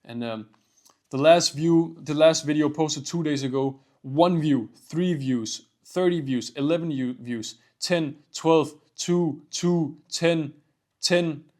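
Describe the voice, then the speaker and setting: Slow and fairly high-pitched with a darkish tone, this young vlogger from Denmark speaks with a Danish accent. He rambles casually to camera, full of "like," "bro," and curse words.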